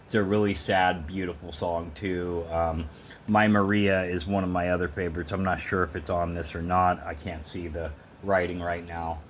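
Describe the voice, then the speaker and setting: This man's voice sits low, and his delivery is flat at a normal speed. He's a vlogger presenting a thrift store music haul, chatting casually but emphatically to the camera in a rambling way, full of opinions about music, over slight background noise.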